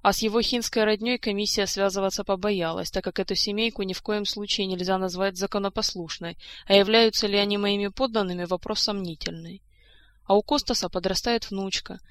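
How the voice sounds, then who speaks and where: Женщина читает за отчаявшегося короля. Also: female voice, mid-range voice, steady tone, brisk, a bit bright, no echo, close to an everyday voice. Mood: despairing. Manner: weary, bitter, speaks in long outpourings. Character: grieving despairing adult male king.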